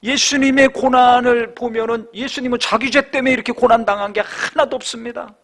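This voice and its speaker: Impassioned high-voiced male pastor. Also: fairly even intonation, a little fast. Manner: impassioned, rhetorical questions, swings from loud to hushed. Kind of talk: sermon.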